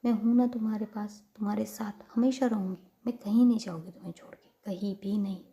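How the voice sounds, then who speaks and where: Woman playing a soothing young girlfriend, coaxing, gravelly mellow voice. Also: medium pitch, fairly even intonation, a little fast, lightly acted. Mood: reassuring. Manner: warm, reassuring, coaxing. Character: young woman, loving, reassuring partner.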